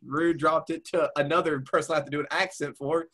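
A man's voice: a little high, fairly even intonation, brisk, a bit bright. A man chatting casually, laughing often and stalling with fillers. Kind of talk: casual banter.

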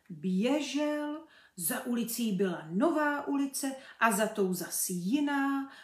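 A woman reading a children's book aloud in a lively, expressive way. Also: on the high side. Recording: echoey room.

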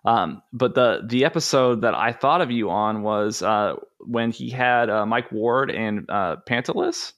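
A man's voice: fairly low pitch, a little slow, few pauses, fairly bright tone. Laughing, loose-talking podcast guest man. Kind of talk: casual comedic podcast chat.

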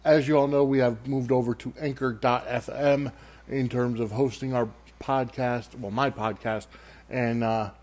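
A man's voice: medium pitch, fairly even intonation, measured pace, darkish tone. A man giving casual solo sports commentary as a podcast host, conversational and emphatic, often checking in with listeners.

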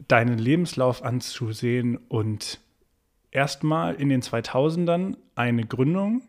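A man's voice: mid-range voice, creaky. A man hosting a podcast, reading a scripted welcome and then interviewing a guest in a friendly way. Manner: friendly, scripted intro, laughs along. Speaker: podcast host.

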